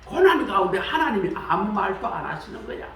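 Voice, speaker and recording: Animated high-voiced pastor in an echoey church. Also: male voice, brisk, gravelly, recorded from a distance. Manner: animated, acts out quoted voices with shifts of pitch; colloquial, repeats "말이죠". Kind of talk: sermon. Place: church sanctuary.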